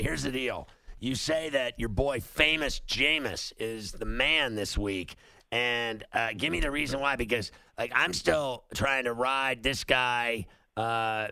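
Male sports talk host: brash, teasing, bright forceful voice, crisp and clear. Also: medium pitch, no echo. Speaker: sports radio call-in host. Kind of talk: casual fantasy football sports talk.

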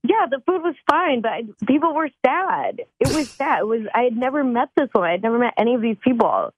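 A woman's voice: fairly high pitch, big pitch swings, brisk, slight background noise. A woman talking casually on the phone to a radio show. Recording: thin, narrow telephone line.

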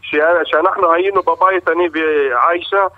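A man calling in by phone as a bereaved father, speaking in halting, repetitive bursts that turn angry. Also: fairly high pitch. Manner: halting, repeats words, emotional and angry. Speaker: bereaved father, radio guest. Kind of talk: phone-in radio interview. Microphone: telephone. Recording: tinny phone line.

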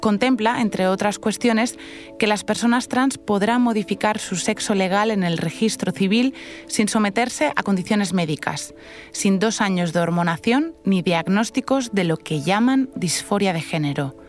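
A woman's voice: medium pitch, normal speed, soft background music. Woman narrating a news report.

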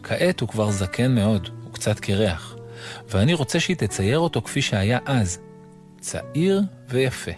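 Expressive man reading a children's story. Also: medium pitch, soft background music. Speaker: narrator. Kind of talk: reading a children's book aloud.

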